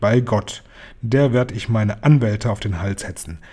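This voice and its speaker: A man voicing a blustering, furious middle-aged father who shouts and stammers. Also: lowish voice, a little slow, slightly rough. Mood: indignant.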